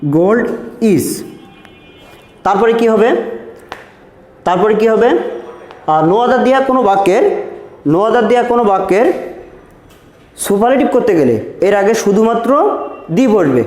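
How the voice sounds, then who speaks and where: A man's voice: high-pitched, animated, unhurried, long pauses, a little mellow. A man from Bangladesh teaching a school grammar lesson, repeating each step and answering his own questions. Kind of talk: recorded classroom lesson explaining grammar. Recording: echoey room.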